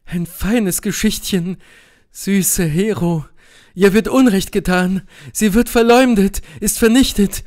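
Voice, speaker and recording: A man's voice: high voice, takes it slowly, a little mellow, pitched above the performer's own voice. A man voicing a passionate young noblewoman, fiery and grieving, in an audiobook reading with impassioned outbursts. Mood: indignant.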